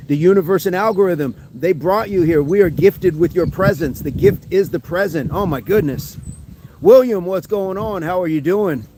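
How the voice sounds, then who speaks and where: Outdoors among trees, a man runs a fitness livestream, chatting upbeat with viewers and reading their comments off his phone. His voice is high-pitched and moderately paced, and the background is noisy.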